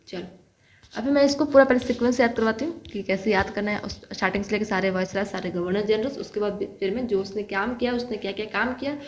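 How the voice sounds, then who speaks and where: A woman's voice: medium pitch, rough recording. A woman teaching history for exams, repeating key words and asking and answering her own questions. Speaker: exam-prep history teacher. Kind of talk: online lesson with memory tricks.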